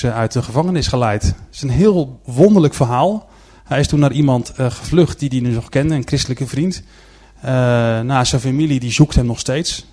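A man's voice: medium pitch, dark tone. A man presenting to an audience, speaking earnestly with frequent filler sounds while he talks through a series of pictures. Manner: earnest storytelling. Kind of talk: church-style presentation with slides.

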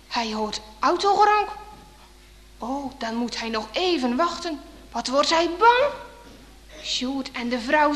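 A woman reading a children's story aloud in an expressive, suspenseful way. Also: high-pitched, in a large hall.

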